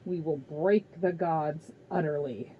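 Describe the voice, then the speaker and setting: A menacing ancient Titan lord, put on by a woman reading aloud, hissing commands from a storybook. The voice sits low and unhurried. The recording is dull and lo-fi with faint hiss. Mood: commanding.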